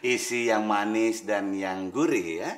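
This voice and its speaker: A man's voice: fairly low pitch, takes it slowly, reverberant, slight background noise. A man playing a polite shop manager in a slapstick comedy, soothing and chuckling. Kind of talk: slapstick sitcom acting.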